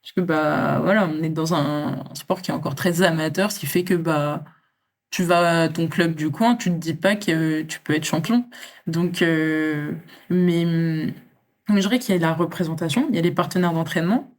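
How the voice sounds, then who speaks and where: A woman's voice: sits low, normal speed. A young woman from France, a champion athlete speaking as an interview guest, talking in a reflective, casual way with many fillers and restarts.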